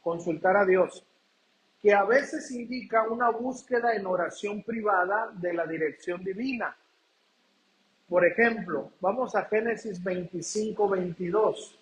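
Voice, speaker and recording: A man's voice: high voice, unhurried, a little hiss or hum. A man from Mexico preaching a sermon, often calling out to the congregation and asking rhetorical questions. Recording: echoey church room.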